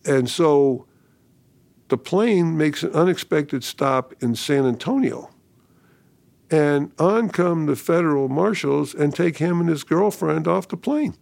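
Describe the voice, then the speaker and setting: An older man with a gravelly, fry-laden voice recounts a story from his past, bringing the people in it to life as he talks. The recording is dry and close, with no room sound at all. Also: a little high, takes it slowly, dry recording. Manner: lively storyteller who acts out dialogue. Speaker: interviewee.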